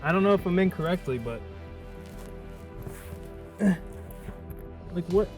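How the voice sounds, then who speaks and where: A man's voice: high-pitched, expressive, takes it slowly, faint music behind. A man hosting a casual unboxing vlog, joking and rambling in an offhand way. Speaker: host.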